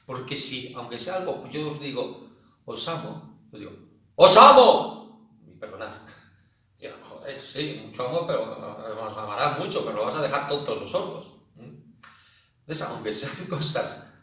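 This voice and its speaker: Chatty Spanish instructor in an echoey room. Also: male voice, mid-range voice, animated, normal speed. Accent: Spanish from Spain. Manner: chatty, repeats himself, acts out loud shouting. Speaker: senior exercise instructor. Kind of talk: casual spoken talk to an online class. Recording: very echoey room, voice a bit far from the mic.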